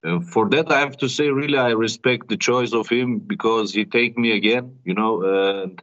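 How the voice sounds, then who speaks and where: A man who is not a native speaker, talking haltingly as a fighter in a casual interview. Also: medium pitch, fairly bright tone. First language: not English. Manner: halting, repeats tags like "you know". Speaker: MMA fighter being interviewed. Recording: dull, muffled audio.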